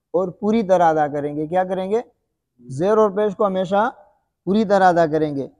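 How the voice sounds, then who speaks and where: A man with a high voice teaches Quran recitation. He quizzes the listener and drills each letter sound aloud, over and over. His voice rings with a long, hall-like reverb. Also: a little mellow.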